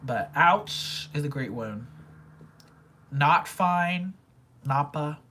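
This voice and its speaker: With a low-pitched, animated voice and drawn-out words, a young woman gushes over pop albums in a casual review vlog, at times dropping to a whisper. She comes across as a chatty fangirl, and there's a little hiss or hum in the audio.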